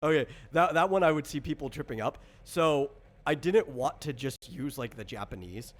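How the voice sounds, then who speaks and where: At a moderate pace, a man with a higher-than-average voice and lively intonation hosts a casual chat on tabletop character creation, speaking as game designer. He drifts and self-corrects while explaining. Background noise is clearly audible, since this is an online voice call recorded on a computer.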